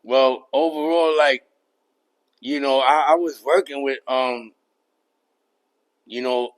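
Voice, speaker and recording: A middle-aged man, a rapper and producer talking through his career as a podcast guest, relaxed and full of "you know what I mean.". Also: medium pitch, takes it slowly, poor audio. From New York. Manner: laid-back, many fillers like "you know what I mean". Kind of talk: casual interview chat.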